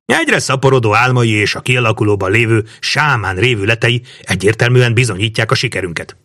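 A man voicing a scheming mage who lays out his plans in a measured, lecturing way, read as an audiobook. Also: mid-range voice, a bit bright, no room sound, studio quality. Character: scheming male mage, calm cold schemer. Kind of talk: audiobook reading.

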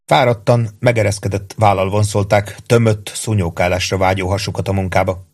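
A man reading a novel aloud in steady, even narration. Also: lowish voice. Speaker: audiobook narrator. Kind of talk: scripted narration.

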